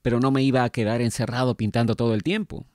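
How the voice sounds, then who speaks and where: A man's voice: mid-range voice, fairly even intonation, quick pace, darkish tone, dry recording, studio quality, lightly acted. A man voicing a breezy, vain painter spirit. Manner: teasing and breezy, with a playful lift. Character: vain jovial male spirit, former painter. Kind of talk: read-aloud book dialogue.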